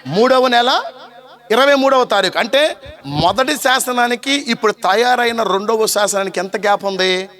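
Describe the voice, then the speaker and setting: A man's voice: very high-pitched, normal speed. A man preaching a sermon, telling a story with acted-out voices and asking the congregation questions. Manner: animated storytelling, asks the crowd questions; acts out voices of story characters. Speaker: pastor.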